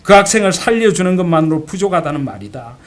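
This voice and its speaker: A steadfast father speaks with earnest conviction to his child, as a preaching man acts him out. His voice is fairly high for a man and grows loud and firm. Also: very animated, fast. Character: steadfast elderly father pastor, gently firm.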